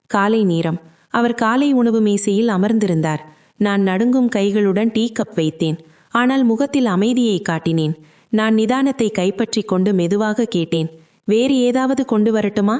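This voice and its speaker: A woman narrating a scripted first-person story in a steady, even reading. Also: mid-range voice.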